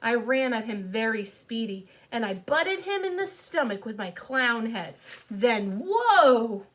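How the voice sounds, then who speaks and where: A woman's voice: a little high, sing-song, slow pace. A woman narrating a children's audiobook in a playful, childlike storytelling voice.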